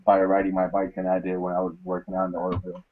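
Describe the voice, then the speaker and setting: A young man with a lowish voice talks loosely in a casual group hangout. His delivery is slangy and sweary, and the recording is dull and lo-fi. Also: completely flat delivery, fast talker.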